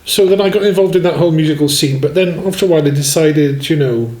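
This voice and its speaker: A man in his sixties from Swansea, a musician telling his life story in a relaxed, rambling way and often saying "you know". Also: a little high, fast talker. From Swansea, Wales. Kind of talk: relaxed autobiographical chat. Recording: echoey room.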